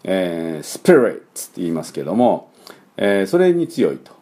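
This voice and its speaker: A deep-voiced man in his fifties from Kyushu, Japan, works as an English teacher and podcast host, giving a casual talk-show style English lesson. He's very animated and chatty, with a dark tone, rambling and full of fillers while drilling words slowly.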